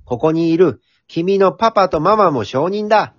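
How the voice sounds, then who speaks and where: Man acting a high-voiced, jolly Santa. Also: animated, normal speed, dry recording, highs cut off. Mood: kindly, playful. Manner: polite, theatrical, playful. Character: jolly, earnest, slightly shady Santa Claus. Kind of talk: amateur comedy radio drama acting.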